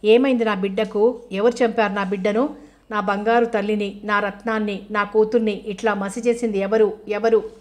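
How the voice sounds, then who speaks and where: A woman's voice: mid-range voice, fairly even intonation, normal speed, lightly acted. A woman reading as a grieving, anguished father. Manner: frantic, anguished shouting questions. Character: grieving father crying out in despair.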